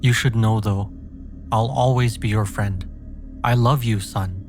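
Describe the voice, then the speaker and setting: A man's voice: lowish voice, steady tone, a little slow, darkish tone, close to an everyday voice. A man voicing an earnest, emotional and protective young father in a horror story. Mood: tender, concerned. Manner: earnest, emotional, speaking to his small son. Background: background music.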